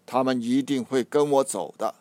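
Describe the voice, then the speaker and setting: A man voicing a blunt, self-assured male successor who answers loudly and emphatically. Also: medium pitch, moderate pace, no echo, close to an everyday voice. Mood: emphatic.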